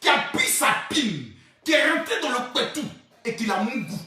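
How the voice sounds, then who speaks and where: A man doing rowdy live-stream commentary, shouting, chanting and mocking. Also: very high voice, sing-song, normal speed. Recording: echoey room, far from the mic.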